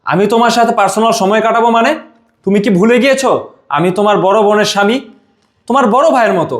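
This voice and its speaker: An upright young husband, played by a man scolds in an indignant tone. His voice sits high for a man. It has the feel of a home-made short film. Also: very fast, natural voice.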